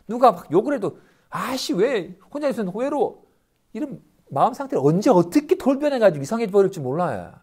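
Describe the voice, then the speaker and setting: A male monk delivers a dharma talk with a lively, swooping voice. He breaks into brief acted asides of everyday grumbles before returning to his explanation. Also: high-pitched. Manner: animated, acts out everyday complaints in quick asides. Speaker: Buddhist monk lecturing. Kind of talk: dharma lecture.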